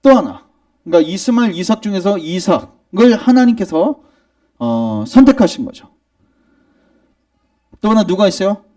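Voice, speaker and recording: Male pastor, sermon delivery, high and lively voice with a dark, mellow tone, heard from across a church sanctuary, asks and answers his own questions. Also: moderate pace, pauses often, far from the mic. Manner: questions the congregation and answers himself; emphatic, rising in argument.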